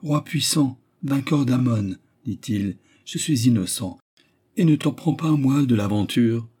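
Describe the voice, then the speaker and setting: A man's voice: medium pitch, lively intonation, unhurried, dark tone, breathy edge. A man voicing a fearful male cook servant who pleads humbly with his king in a read-aloud story. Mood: pleading.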